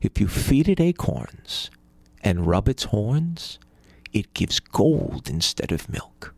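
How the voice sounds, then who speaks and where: A man voicing the sun as a kindly, generous figure in a fairy tale, speaking gently and calmly. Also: fairly low pitch, slow, no room sound, full character voice. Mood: gentle.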